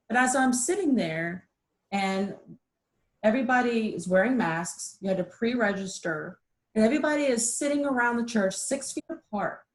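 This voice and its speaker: A middle-aged woman with a voice on the high side gives a casual, chatty webinar presentation over a video call. She's animated and self-deprecating.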